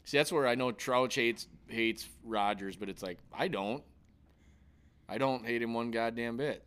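A man's voice: mid-range voice, a little slow, fairly bright tone, smooth. A man in his thirties, a podcast co-host in casual sports chat, blunt, profane and ranting. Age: 30s.

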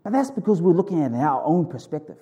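A man's voice: fairly high pitch, sing-song, fast talker, warm tone, lo-fi sound. A man preaching a sermon to a congregation in an informal, conversational way, repeating phrases for emphasis.

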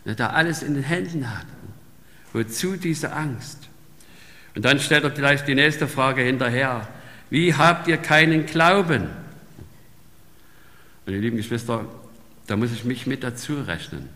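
A man's voice: mid-range voice, normal speed, sharp tone. A man preaching a sermon in a conversational way, often ending sentences with a questioning "ne?". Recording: long reverb in a large hall.

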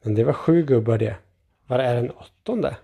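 A man reading a children's picture book aloud in calm, steady storytelling. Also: medium pitch, gravelly, husky.

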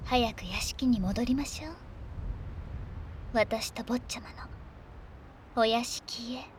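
In an ASMR audio drama, a voice actress plays a possessive, politely formal female dragon maid with a teasing mood, speaking softly, breathily and often in a whisper. Her voice is on the high side and her pace slow, with slight background noise.

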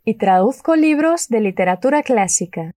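A woman teaching a Spanish lesson, upbeat and enthusiastic, saying model phrases slowly and clearly for learners to repeat. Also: fairly high pitch, animated, dark tone, no room sound, clean studio sound. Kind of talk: language lesson with repeat-after-me drills.

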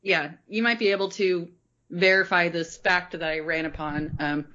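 A woman's voice: lowish voice, fairly even intonation, moderate pace, pushed and bright, slight background noise. A woman chatting casually as a podcast host. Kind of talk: casual chat. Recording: slightly dull, compressed audio.

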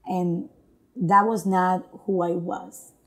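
A woman's voice: on the low side, little pitch movement, very slow, vocal fry. A woman telling a personal faith testimony in an earnest, reflective way, mixing in English phrases. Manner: mixes Spanish with English phrases; earnest, reflective, with frequent fillers. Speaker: guest sharing a testimony.

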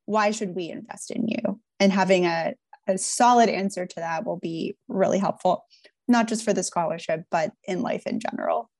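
A woman's voice: lowish voice, a little mellow, no room sound. A woman on a panel giving thoughtful, earnest advice in a conversational style.

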